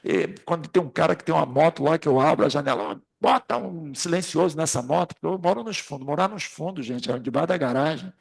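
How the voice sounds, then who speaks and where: A man's voice: fairly high pitch, fast talker, creaky, hardly any pauses. A man leading an informal spiritist study class, rambling through anecdotes and speaking straight to the group. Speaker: class facilitator.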